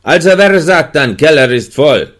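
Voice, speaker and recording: A man reading an audiobook voices a gruff, curt prison guard who barks in broken German. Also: mid-range voice, expressive, unhurried, fairly bright tone, voice pushed up. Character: gruff middle-aged male Polish prison guard. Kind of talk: audiobook character voice.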